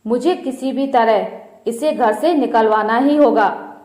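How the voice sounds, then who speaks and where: A woman's voice: fairly high pitch, slow pace, darkish tone. A woman doing a spiteful young sister-in-law. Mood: scheming. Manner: taunting, scheming. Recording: roomy echo.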